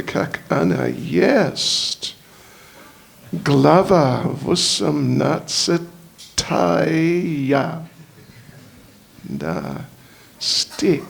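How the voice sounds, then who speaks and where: A visiting spiritual teacher, a native English speaker with an English accent, lectures in slow, halting Russian in a lecture hall, often searching for words as a learner of the language. His voice is fairly high and creaky, and the talk is interspersed with verse chanting.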